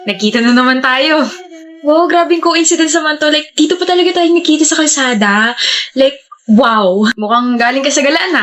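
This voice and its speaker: A woman with a high voice performs a lighthearted comedy skit. She is playful and excitable, bursting into sudden shouts between quicker chatty lines. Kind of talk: scripted comedy skit dialogue.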